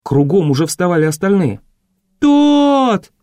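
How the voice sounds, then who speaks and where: A man narrating an audiobook in a measured, expressive reading. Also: high-pitched, no echo. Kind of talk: scripted narration.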